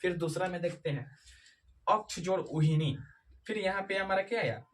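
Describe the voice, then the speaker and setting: A man teaching a grammar lesson, repeating key points and asking his students questions, slowing down to spell out individual sounds. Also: high-pitched, fairly bright tone, far from the mic. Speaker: Sanskrit teacher. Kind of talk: classroom-style grammar lesson.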